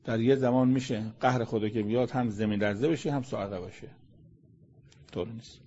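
A man delivers a conversational sermon, reciting verses and then unpacking them with rhetorical questions. His voice is husky and sits at a middling pitch. The recording sounds dull and lo-fi. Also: steady tone, warm tone. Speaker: religious lecturer explaining Quran verses.

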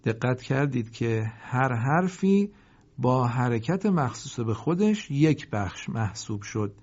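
Man, Quran reading teacher, drawn-out syllables, polite formal tone, dull lo-fi sound. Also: mid-range voice, big pitch swings, a little mellow. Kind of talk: recorded lesson.

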